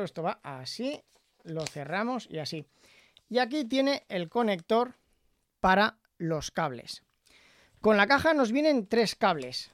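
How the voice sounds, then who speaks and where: A man from Zaragoza, Spain, chatting casually into a studio microphone as he reviews his headphones, often tagging his phrases with a quick question. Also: high-pitched, no echo. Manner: chatty, tags phrases with "¿vale?". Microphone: studio microphone in front of him.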